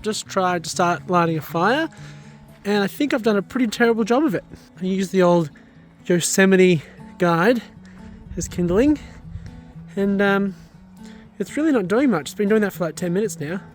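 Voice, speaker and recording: High-voiced man, chatty vlogger. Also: expressive, normal speed, pauses often, soft background music. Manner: chatty, self-deprecating. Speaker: travel vlog host. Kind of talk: casual travel vlog narration. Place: outdoors at a campground.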